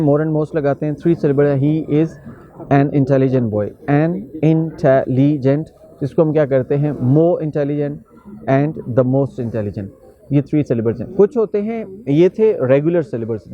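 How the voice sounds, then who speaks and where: Guy teaching grammar class, bit high voice, slows down on the examples, kinda muffled lo-fi audio. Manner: mixes English examples into explanation, slows for English phrases. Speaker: English teacher. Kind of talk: grammar lecture.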